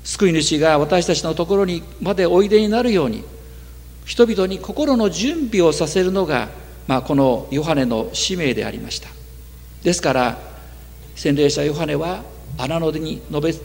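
A man preaches a sermon with a regional lilt in his speech. His voice sits a little high and has a gravelly edge. His phrases sink quietly at the close, and the sound rings out in a hall with a long tail of reverb. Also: expressive. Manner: measured preaching, trailing off low at phrase ends. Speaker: pastor.

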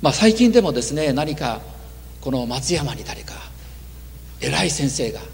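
A man preaching a sermon in a measured way, his voice dropping low at the ends of phrases. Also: sing-song, vocal fry, slight background noise. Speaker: pastor. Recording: long hall reverb.

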